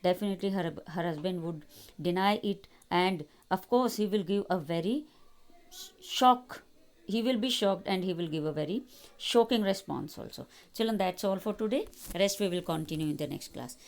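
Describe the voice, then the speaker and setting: A woman's voice: lowish voice, normal speed, a little mellow. Woman teacher explaining a story. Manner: reads a passage aloud, then explains it in simple words. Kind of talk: reading and explaining a story to a class.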